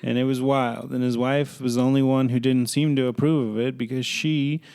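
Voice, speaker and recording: A young man trades crude, teasing jokes in casual podcast banter, tossing in "dude" over and over. His voice sits at an ordinary pitch. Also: level tone, a little fast, creaky, darkish tone, slight background noise. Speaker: podcast co-host. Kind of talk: casual chat, joking commentary.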